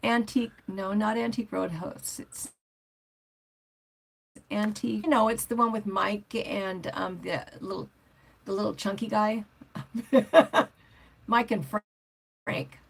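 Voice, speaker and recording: A woman's voice: mid-range voice, fairly even intonation, slow, vocal fry, long pauses, slightly rough. An older woman hosting a casual livestream, rambling and chatty as she reads out viewer comments and answers them. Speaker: motorcycle vlogger hosting a livestream.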